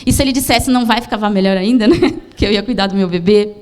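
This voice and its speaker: Brazilian woman pastor, smooth voice. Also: medium pitch, darkish tone. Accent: Brazilian Portuguese. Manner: emotional, halting storytelling with many restarts. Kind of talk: sermon testimony. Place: church.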